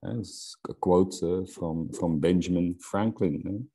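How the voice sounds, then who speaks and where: In an online webinar, a middle-aged Salesforce instructor from Belgium, Dutch being his first language, presents hesitantly with lots of fillers and restarts. His low, warm voice is slightly rough, and he talks a little slowly.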